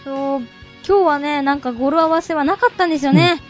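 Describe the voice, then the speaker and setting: A woman's voice: high-pitched, faint music behind. A teenage girl, a singer guest on a radio show, cheerfully chatting and reading out trivia. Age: teens. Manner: cheerful, reads trivia slowly and carefully. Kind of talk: casual radio chat. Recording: slightly dull radio recording.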